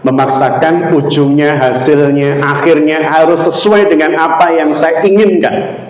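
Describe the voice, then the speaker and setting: Male preacher, Javanese accent, animated sermon, fairly high voice, echoey hall, faint background noise. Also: measured pace. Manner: animated, quizzes the audience with questions. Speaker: Islamic preacher.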